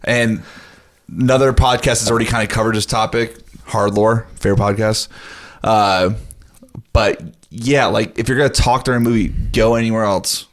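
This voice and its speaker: A man's voice: on the low side, steady tone, normal speed. A young man on a podcast telling blunt, profane stories in casual chat. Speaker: podcast co-host.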